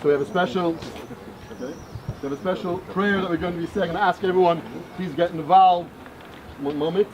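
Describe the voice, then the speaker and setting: A man's voice: sits high, steady tone, brisk, long pauses, poor audio. A man leading a bar mitzvah ceremony, speaking chattily and checking in with the crowd. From Scotland. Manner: chatty, keeps checking in with "right?" and "okay?". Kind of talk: ceremony speech.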